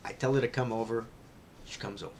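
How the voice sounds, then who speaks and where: Rambling man with faint rumble behind. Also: quick pace. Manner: rambling, restarts often, swings from muttering to loud excitement. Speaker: vlogger. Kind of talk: confessional vlog.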